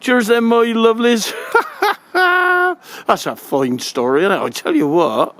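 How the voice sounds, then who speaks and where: A man's voice: sits high, big pitch swings, moderate pace, fairly bright tone. An older man with a Wiltshire accent telling a humorous anecdote in a folksy, colloquial, casual way. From Wiltshire, England. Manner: folksy, chuckling, colloquial rural turns of phrase. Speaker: comic storyteller.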